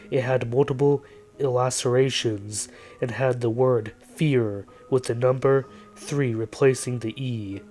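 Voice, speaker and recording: A formal TV news anchor, put on by a man narrating a horror story, reads a grim report in a flat broadcast manner. The pace is slow and steady, with faint music underneath. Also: mid-range voice, natural voice.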